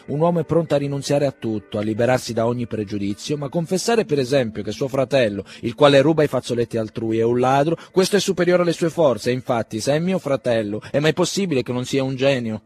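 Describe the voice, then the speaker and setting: Man voicing a young male nihilist, scornful, mocking, raised louder voice, audiobook. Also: medium pitch, animated, quick pace, few pauses, pitched above the performer's own voice, close to an everyday voice. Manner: mocking and cutting.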